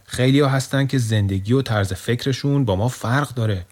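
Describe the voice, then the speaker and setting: A man doing a kind, gentle donkey in a storybook. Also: medium pitch, lightly acted. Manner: soothing, patient advice.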